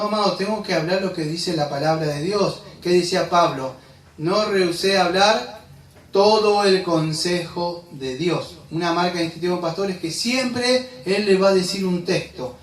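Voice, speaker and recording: A man preaches from the pulpit. He speaks in a slightly raised register and keeps asking rhetorical questions. The recording is roomy and picked up from some distance. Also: high voice. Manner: preaching with rhetorical questions, addressing listeners as "amado". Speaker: pastor. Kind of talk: sermon. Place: church sanctuary. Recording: echoey church hall, from a distance.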